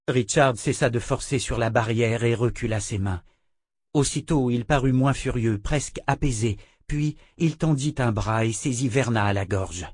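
A man narrating a fantasy audiobook in a measured, dramatic reading. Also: on the low side, darkish tone, slightly rough, no room sound, studio quality.

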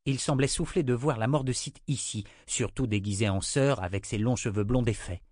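A man narrates a fantasy audiobook in a steady, measured way, medium pitch, from a dry booth. The reading is close and clean. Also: no room sound. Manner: even, measured storytelling. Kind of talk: scripted narration.

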